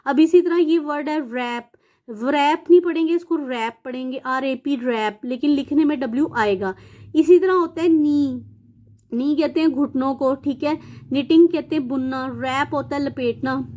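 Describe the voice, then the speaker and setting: A woman from Pakistan with a Pakistani accent, working through a textbook exercise as a teacher. She explains English words in Urdu and often pauses with fillers. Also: high-pitched, warm tone, dull audio. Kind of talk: exercise walkthrough lesson.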